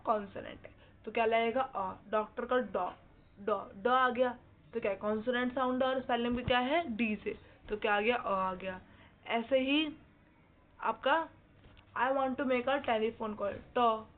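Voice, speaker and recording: A young woman teaching, speaking slowly, repeating words and asking the class questions. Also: fairly high pitch. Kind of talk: explaining lesson. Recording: tinny, phone-like with faint noise.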